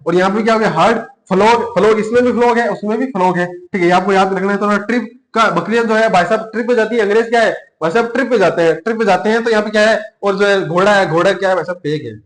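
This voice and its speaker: Rajasthani male coaching teacher: quick, high, self-questioning patter, roomy classroom sound. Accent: Rajasthani Hindi. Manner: chatty, repeats points and asks himself questions. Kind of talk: classroom lecture with memory tricks.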